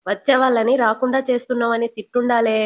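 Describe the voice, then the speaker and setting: A sarcastic young husband throws out teasing jabs at his family, as a woman puts him on. His voice sits a little high. The delivery is quick and mocking, like a retold soap scene. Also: flat delivery, natural voice.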